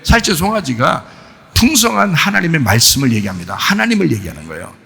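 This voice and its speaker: Korean pastor man preaching, gravelly bright voice that jumps all over in pitch, asks the crowd stuff then answers it. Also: fast talker. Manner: animated, acts out the father's joyful shouts; asks the congregation questions and answers them. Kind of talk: sermon.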